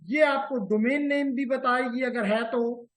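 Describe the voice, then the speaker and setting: A man's voice: very high voice, fairly even intonation, a little slow, rough recording. Patient male networking instructor. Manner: repeats key terms, checks understanding often; mixes English technical terms into Urdu. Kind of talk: live class lecture.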